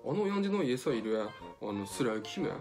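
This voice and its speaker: A man with a Tsugaru dialect voicing a blunt, teasing magic mirror in a storybook reading, talking roughly with hesitant fillers. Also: mid-range voice, very animated, a little fast, a little mellow, lightly acted. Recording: music playing behind.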